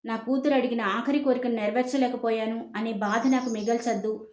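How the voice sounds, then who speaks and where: A woman's voice: fairly high pitch, fairly even intonation, a little fast, darkish tone, roomy sound, highs cut off, lightly acted. A tearful old grandfather begging, as a woman narrator puts him on. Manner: pleading, tearful. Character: grieving elderly grandfather pleading tearfully.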